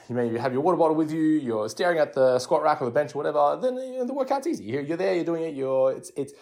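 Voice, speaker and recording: A man's voice: on the high side, a little mellow. A man in his thirties talking casually as a solo fitness podcast host, giving coaching tips in short, repeated, conversational phrases. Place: home garage. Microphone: handheld or personal recording device.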